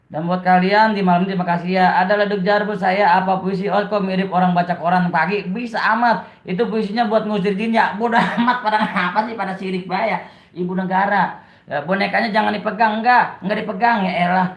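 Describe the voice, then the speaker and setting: On a relaxed live stream, a Betawi-accented man with a steady, high-sitting voice talks a little fast. He reads out what viewers write and teases them playfully, laughing often. The stream's lo-fi sound is dull and roomy.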